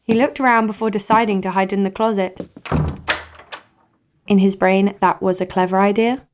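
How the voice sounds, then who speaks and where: In an audio drama, an actress plays a bold, sarcastic young woman adventurer narrating her own story in the first person, her tone wry and dry. Her mid-range voice keeps a fairly even intonation at normal speed, lightly acted. Instrumental music plays beneath her.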